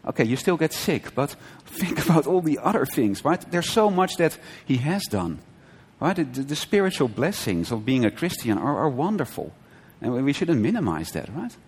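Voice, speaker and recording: A man teaching a conversational sermon, often checking with his listeners with a quick "right?" and restarting his sentences. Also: mid-range voice, sing-song, a little mellow, breathy edge. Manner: conversational, frequent "right?" checks and brief laughs, self-correcting restarts. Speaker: preacher. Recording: long hall reverb.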